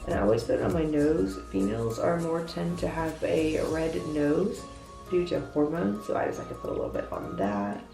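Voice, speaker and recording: Talking from an echoey hotel bathroom with faint music, off-mic, a young woman walks through her makeup tutorial step by step with self-deprecating humor. Her congestion makes her voice stuffy and lower than usual. She sounds animated at normal speed, low with vocal fry.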